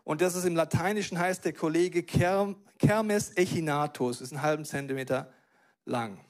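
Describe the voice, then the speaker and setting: High-voiced, animated preacher. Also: male voice, normal speed. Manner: lively, animated, emphatic preaching. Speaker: pastor. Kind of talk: sermon.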